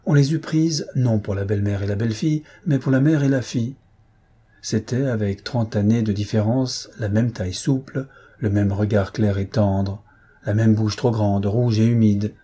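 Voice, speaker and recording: Husky-voiced man reading a novel. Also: on the low side, mellow. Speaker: audiobook reader. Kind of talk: scripted narration of a novel.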